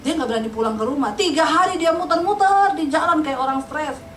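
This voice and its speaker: A woman preacher, giving a lively, chatty sermon and often turning to the congregation. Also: high voice, brisk, slight background noise. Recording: roomy echo, recorded from a distance.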